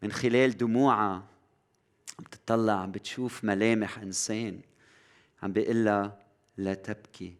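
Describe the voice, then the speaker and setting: Lebanese pastor preaching with dramatic swings. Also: male voice, fairly low pitch, fairly even intonation, normal speed, pauses often. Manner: dramatic, swinging from loud exclamations to hushed near-whispers. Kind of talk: sermon.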